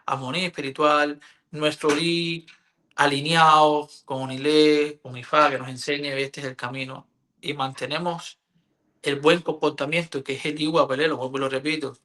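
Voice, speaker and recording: A man with a bright, forceful voice on a live stream, explaining a teaching. He repeats key words to press his point home. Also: on the high side, level tone, moderate pace.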